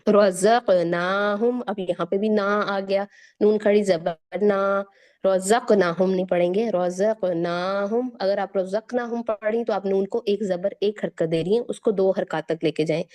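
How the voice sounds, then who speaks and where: Mellow-voiced woman teaching recitation. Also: medium pitch, fairly even intonation. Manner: patient, slows and stretches words to demonstrate; explains step by step and checks in with listeners. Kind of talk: tajweed lesson, explaining and demonstrating.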